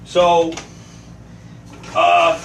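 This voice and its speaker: Man, livestream host, bright and slightly high, rambling, self-deprecating home chat. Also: completely flat delivery, drawn-out words, creaky, a little hiss or hum. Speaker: livestream host answering fan questions. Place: at home cooking eggs. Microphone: phone.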